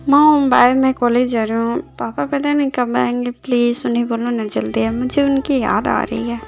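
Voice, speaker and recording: A woman's voice: a little high, fairly even intonation, normal speed, gravelly, a little mellow, highs cut off, soft background music. A woman voicing a young college-going daughter who soothingly reassures her mother, in an amateur voice drama. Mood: reassuring. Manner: soothing, insistent.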